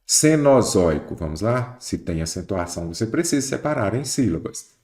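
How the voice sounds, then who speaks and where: A man's voice: fairly low pitch, expressive, fairly quick, darkish tone, roomy sound. A Brazilian man teaching an exam-prep lesson, explaining step by step and putting questions to the listener. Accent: Brazilian Portuguese. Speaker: Portuguese teacher.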